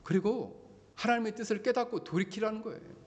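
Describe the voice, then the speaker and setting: A male pastor preaching a sermon, telling stories and rising into loud pleading appeals. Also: fairly quick. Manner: storytelling preacher who swings from low asides to loud pleading climaxes. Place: church sanctuary. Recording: long hall reverb.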